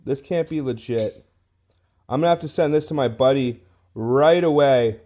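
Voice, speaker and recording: A man's voice: mid-range voice, normal speed, mellow. A man giving casual hobby vlog commentary to his viewers, full of awed exclamations. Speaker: host of a coin roll hunting video.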